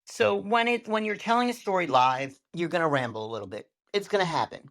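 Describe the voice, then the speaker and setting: A man's voice: high-pitched, a little fast. A man being interviewed as a social media coach, telling stories with shifting speed and tone on what sounds like a video call. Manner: animated storyteller, varies speed and tone for effect. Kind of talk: podcast interview.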